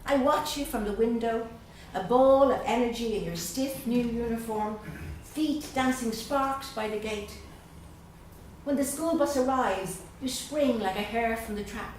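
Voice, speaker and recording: Reading at a literary gathering, this Dublin woman, a middle-aged guest poet, has a voice on the high side with a darkish tone. She delivers her poems slowly, pausing with measured care, and chats hesitantly between pieces. The recording is distant, very echoey, and carries a little hiss or hum.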